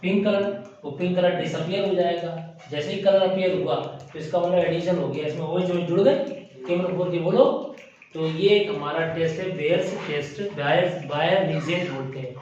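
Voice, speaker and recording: Chem teacher quizzing students, muffled far off recording. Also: male voice, on the high side, darkish tone, slight background noise. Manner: quizzes students with quick questions. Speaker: chemistry teacher. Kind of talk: classroom lecture. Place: classroom. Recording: echoey muffled room from far off.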